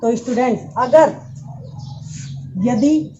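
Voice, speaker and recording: A woman's voice: on the high side, slow, warm tone, lo-fi sound, slight background noise. A woman teaching English pronunciation, patiently addressing her students and repeating each word. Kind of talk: classroom lesson explaining pronunciation.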